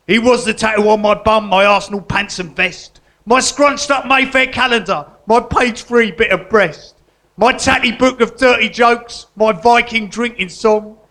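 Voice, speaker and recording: A man's voice: high voice, bright, forceful tone, full character voice. A man playing an earnest, sentimental working-class crook and artist with a south-east English accent in a live stage drama. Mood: mournful recital. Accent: south-east England. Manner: colloquial, earnest.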